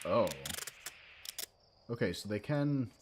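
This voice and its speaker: A man talking through a game on stream, unhurried and hesitant as he thinks aloud to himself. His pitch sits in an ordinary middle range. Steady background noise runs clearly under his voice. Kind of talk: casual gameplay commentary.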